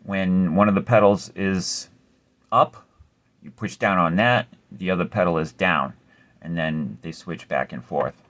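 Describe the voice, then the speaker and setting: A man's voice: low-pitched, measured pace, a bit bright. A man hosting a casual repair tutorial, explaining step by step in a laid-back way with some mild cursing. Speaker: amplifier repair host.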